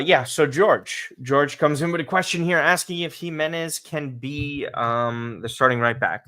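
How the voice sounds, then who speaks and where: Male podcast host, slight lisp, medium-pitched voice, casual and emphatic soccer commentary delivered straight to live viewers. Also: a bit bright. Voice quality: slight lisp from dental aligners.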